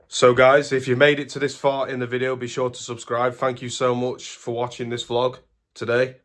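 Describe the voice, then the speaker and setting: A man's voice: mid-range voice, completely flat delivery, normal speed, a bit bright. A man from England talking casually to camera in a vlog, rambling and correcting himself as he goes. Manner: rambling, chatty, self-correcting. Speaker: vlogger.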